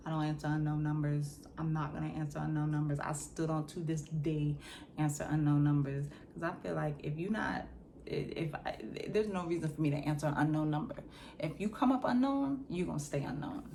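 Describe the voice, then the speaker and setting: A young woman tells a personal story to camera, blunt and sassy, and breaks off into ranting asides. Her voice sits low with a gravelly fry, and a faint hiss runs under the recording. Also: dark tone. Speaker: storytime vlogger.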